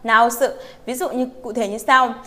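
Female teacher, a little high, reads examples slowly, then explains them and checks in with learners. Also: fairly even intonation, sharp tone. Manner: often asks "right?" to check in with learners. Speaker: Japanese teacher. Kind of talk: vocabulary lesson.

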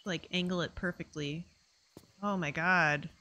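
A woman's voice: lowish voice, fairly even intonation, measured pace, sharp tone. A woman streamer chatting casually and rambling with lots of fillers while playing a game. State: hiccups. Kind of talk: casual gameplay commentary.

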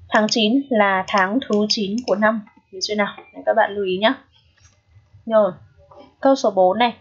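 Woman teacher going over exam answers, kinda husky, dull lo-fi sound. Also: medium pitch. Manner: patient, checks in often with rhetorical questions. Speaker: English teacher. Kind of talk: exam review lesson.

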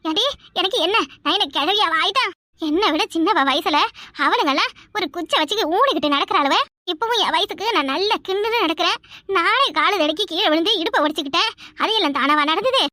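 A woman's voice: very high-pitched, lively intonation, fast, pushed and bright, no room sound, clean studio sound, exaggerated voice. A voice actor playing a quarrelsome old village mother-in-law in a cartoon, wailing and complaining melodramatically.

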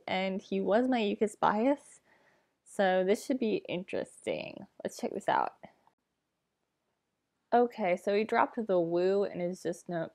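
A woman's voice: mid-range voice, creaky, darkish tone. A young woman talking casually to her webcam in a small bedroom, reacting to a song with hesitant, rambling remarks and sighs. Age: young adult. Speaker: reaction vlogger. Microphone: laptop webcam mic.

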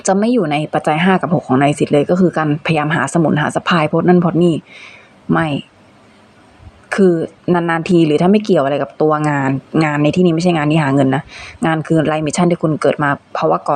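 A speaker giving a casual advice monologue on finding one's life mission, talking through rhetorical questions and hypothetical examples and often trailing off with filler phrases. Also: medium pitch.

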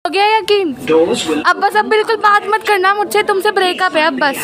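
A woman's voice: extremely high pitch, normal speed, over music. A young woman on a staged prank phone call, insistent, annoyed and pleading. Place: metro train. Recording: crowded noisy metro carriage.

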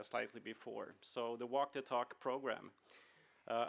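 A man's voice: mid-range voice, fairly bright tone. A middle-aged man from Sweden and Venezuela, speaking earnestly at a conference with many fillers and restarts. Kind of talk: conference talk.

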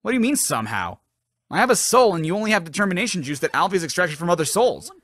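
A man's voice: high voice, very animated, fast, fairly bright tone, soft background music. A man giving scripted, nitpicking commentary as a sarcastic game critic.

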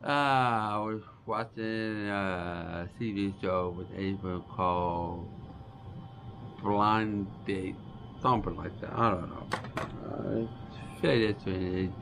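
Slow-talking deaf man in his forties. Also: fairly low pitch, noisy background. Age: 40s. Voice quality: deaf speaker's speech. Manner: slow, halting speech with restarts and signing hands. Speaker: vlogger. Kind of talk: casual vlog talk to camera. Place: small dim room with a starry backdrop. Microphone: camera close in front of face.

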